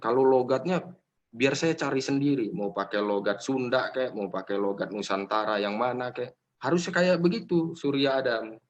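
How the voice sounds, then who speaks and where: A man's voice: medium pitch, muffled recording. A middle-aged man with an Indonesian accent, a university lecturer giving a casual, joking classroom lecture and teasing students by name.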